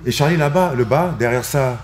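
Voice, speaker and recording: A man's voice: medium pitch, a little fast, a crowd in the background. A man chatting in an interview as a fighter and organiser, in short emphatic phrases with repeats and some English words. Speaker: MMA fighter and seminar organiser. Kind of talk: casual interview, anecdotes.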